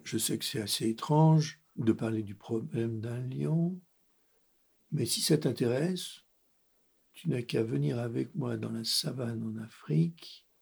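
Male storyteller for a hypnotic children's story; gravelly, husky, calm and guiding. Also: medium pitch. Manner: soft, calm, guiding, speaks directly to the child.

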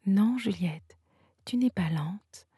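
A woman voicing a gentle, wise female unicorn in a whispered role-play, soft and teasing in tone. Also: medium pitch, animated, slow pace, husky, dry recording, studio quality, full character voice. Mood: reassuring.

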